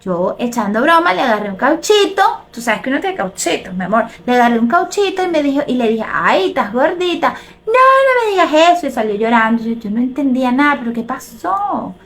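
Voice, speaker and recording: A middle-aged Venezuelan woman with a Venezuelan accent, hosting a live show, reading viewer comments aloud and reacting in an animated way. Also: fairly high pitch, fairly quick, few pauses. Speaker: host.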